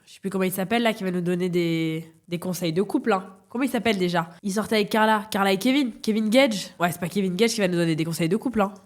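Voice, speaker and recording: A woman's voice: medium pitch, quick pace, hardly any pauses. A young woman giving casual, teasing reaction commentary on reality TV clips, often laughing. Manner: chatty, teasing, laughing asides.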